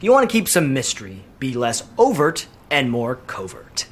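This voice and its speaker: A man's voice: mid-range voice, wildly swooping pitch, normal speed, husky, heavily acted. A man playing an opinionated, wry young buddy in a sitcom, lecturing his friend. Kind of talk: sitcom acting.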